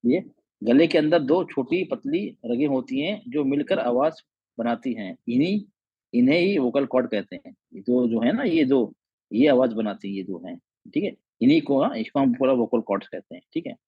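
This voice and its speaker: A man's voice: medium pitch, animated, moderate pace, breathy edge, no echo, lo-fi sound. A man teaching Quran recitation rules, explaining throat anatomy and sounding out letters and vowels to demonstrate, often checking in with his listeners. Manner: checks in often with "okay?" and "theek hai?". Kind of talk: classroom explanation with drawn diagrams.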